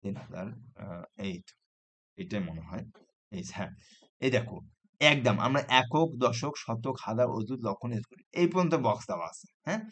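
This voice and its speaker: A male math teacher, giving a classroom lesson. He counts out place values slowly and keeps asking whether the students follow. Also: lowish voice, lively intonation, fairly bright tone. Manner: patient, repeats "হ্যাঁ?" to check students follow.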